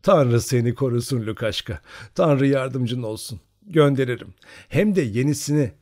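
A man's voice: mid-range voice, moderate pace, darkish tone, voice pushed up, close to an everyday voice. A man voicing a caring old Cossack mother in an audiobook, fussing and giving advice. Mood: fond advising. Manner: fussing, pleading, advising. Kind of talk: audiobook character voice.

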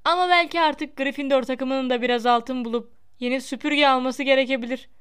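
A sneering, self-satisfied schoolboy, as a woman narrator puts him on, drawling mockery in a storybook reading. The tone stays smooth and very clear, set a touch lower than her own. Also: steady tone, a little fast, a bit bright. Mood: smug. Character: smug sneering schoolboy rival.

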